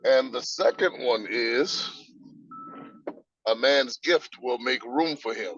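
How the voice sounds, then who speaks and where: A man's voice: mid-range voice, slow pace, a bit bright, muffled recording, slight background noise. A man guest on a video call, quoting scripture and explaining points step by step in a teaching manner. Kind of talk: casual interview, teaching.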